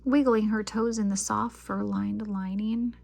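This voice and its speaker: A woman reads a children's picture book aloud, telling the story expressively. Her mid-range voice is creaky and her pace unhurried.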